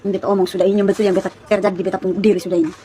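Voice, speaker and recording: Racing along in a dark, mid-range voice with little pitch movement, a young woman from East Nusa Tenggara, Indonesia, hosts a casual phone livestream. Her accent is Kupang Malay, slight background noise is present, and she greets viewers by name, laughing often.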